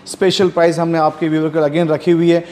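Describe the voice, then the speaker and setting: A man's voice: a little high, flat delivery, quick pace, a little mellow, a little hiss or hum. An Indian man presenting used cars as a dealer, with slick, repetitive sales patter. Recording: reverberant hall-like echo.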